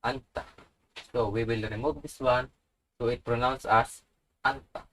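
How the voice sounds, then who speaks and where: A man's voice: mid-range voice, fairly even intonation, normal speed, low-quality recording. A man teaching a language lesson, patiently repeating each example word. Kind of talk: slow instructional tutorial.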